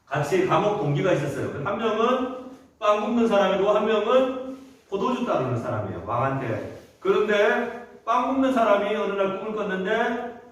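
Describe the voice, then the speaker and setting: High, lively man preaching to children. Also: normal speed. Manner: storytelling with frequent questions to the children. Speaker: children's worship leader. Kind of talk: children's sermon. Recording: echoey church hall from a distance.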